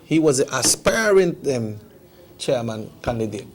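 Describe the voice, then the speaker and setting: A man's voice: mid-range voice, very animated, measured pace. A man with a Belizean Creole accent co-hosting a conversational political discussion. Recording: clear background noise and ambience.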